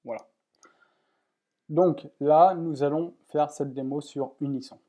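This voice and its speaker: Man calmly explaining a software demo. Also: fairly high pitch, slow. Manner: plain, methodical explaining with frequent "voilà" and fillers. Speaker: software tutorial presenter. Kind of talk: screen-recorded software tutorial.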